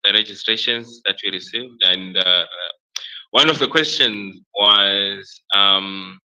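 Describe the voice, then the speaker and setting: A man's voice: lowish voice, bright, forceful tone, clean tone, lo-fi sound. A man moderating an online Q&A, reading out audience questions in a hesitant way full of fillers. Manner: hesitant, filler-heavy, unhurried.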